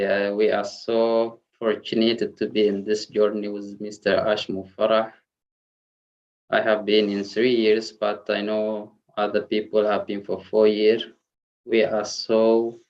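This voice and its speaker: A man from Norway giving a slow, effusive, halting testimonial on a video call. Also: fairly low pitch, lo-fi sound. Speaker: company member on a webinar. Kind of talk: casual testimonial.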